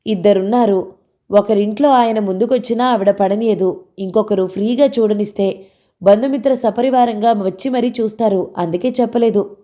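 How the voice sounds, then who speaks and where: A woman's voice: normal speed, warm tone. A woman narrating a novel aloud and voicing the characters' dialogue. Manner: changes pitch slightly for characters' quoted lines.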